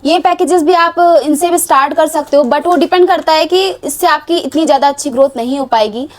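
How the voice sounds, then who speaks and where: A young woman casually pitching online course packages, persuasive and repetitive, mixing English words into her Hindi. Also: a little fast. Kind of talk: casual sales pitch to camera.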